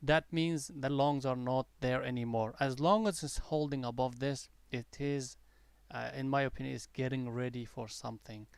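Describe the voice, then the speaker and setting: A man's voice: medium pitch, fairly even intonation, normal speed, creaky, hardly any pauses, smooth, no echo. A man with a mixed English accent, partly American and partly British, hosting a casual live day-trading stream. He rambles in a chatty way, with frequent fillers and restarts. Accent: mixed accent, partly American-tinged English learned abroad, softened by years in the UK. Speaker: day-trading livestream host.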